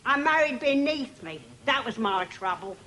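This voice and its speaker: A woman's voice: high-pitched, expressive, moderate pace, a crowd in the background. An actress playing a boastful elderly grandmother who reminisces theatrically and giggles. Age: older. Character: boastful elderly grandmother reliving wartime glory. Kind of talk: 1980s sitcom acting. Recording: noisy old TV recording, audience laughter.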